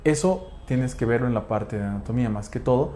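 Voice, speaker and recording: A man's voice: medium pitch, brisk, warm tone, slight background noise. A man lecturing on physiology, asking rhetorical questions and checking in with tag questions. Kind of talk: explanatory lecture.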